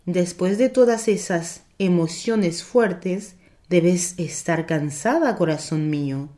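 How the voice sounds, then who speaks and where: A doting old grandmother in a storybook reading, voiced by a woman. She sounds fretful and out of breath, and the voice stays low. The delivery is slow and deliberate. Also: mellow. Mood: tender. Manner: breathless and worried, then tender. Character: older grandmother, affectionate and fretful. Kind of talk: storybook narration.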